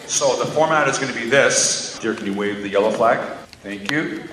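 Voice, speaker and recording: A man's voice: mid-range voice, moderate pace. Jokey man moderating in a noisy echoey gym. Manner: relaxed, jokey, giving instructions. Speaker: teacher and debate moderator. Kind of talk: moderating a school event. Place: large school gym or hall. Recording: echoey hall, far mic, loud noise.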